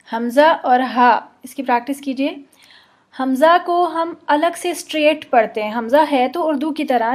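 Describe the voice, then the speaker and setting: A woman teaching Arabic letter sounds, explaining patiently and drawing out slow model pronunciations. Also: high voice, darkish tone. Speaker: Quran recitation teacher. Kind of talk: instructional explanation with slow demonstrations.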